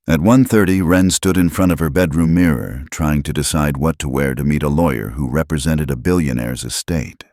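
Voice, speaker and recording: A man narrating a dramatic story in a steady, scripted storytelling voice. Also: a bass voice, no echo, clean studio sound.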